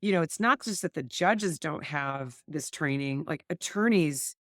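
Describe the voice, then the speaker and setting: A woman's voice: low voice, expressive, a little slow, no echo, studio quality. A woman hosting a family law podcast, talking earnestly and thinking aloud. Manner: earnest, thinks aloud with many 'like' and 'right'. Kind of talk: casual conversation.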